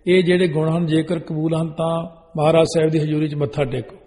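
With a mellow, somewhat high voice kept level and brisk, a Sikh preacher works through the rules of wedding rites and chants scripture verses between them. A long reverb tail follows his words.

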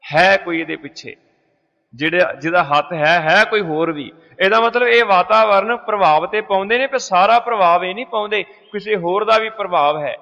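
Male preacher, religious discourse, high voice, rhetorical questions, everyday examples. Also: normal speed, pushed and bright, muffled recording. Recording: echoey hall.

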